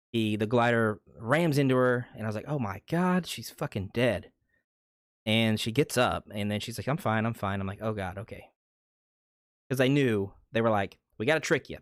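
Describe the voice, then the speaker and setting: A young man giving a casual, rambling movie review, excitable and swearing freely. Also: medium pitch, dry recording, clean studio sound. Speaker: channel host.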